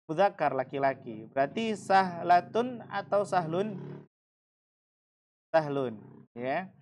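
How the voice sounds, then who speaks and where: Male teacher, young adult, unhurried delivery, patient and repetitive, classroom lesson. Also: sits high. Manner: slow, repeats and explains each word patiently. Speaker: Arabic teacher.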